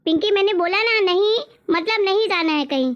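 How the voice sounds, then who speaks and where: A woman's voice: extremely high pitch, fairly quick, a bit bright, muffled recording. A woman voicing a strict, nagging middle-aged mother in a cartoon story, lecturing and scolding.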